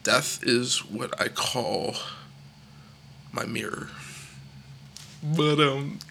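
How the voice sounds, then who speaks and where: A man's voice: mid-range voice, drawn-out words, vocal fry, bright, forceful tone, a little hiss or hum. A young man delivering a rambling, self-deprecating comedic monologue with absurd jokes, sometimes dropping into a whisper. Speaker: comedic podcast host.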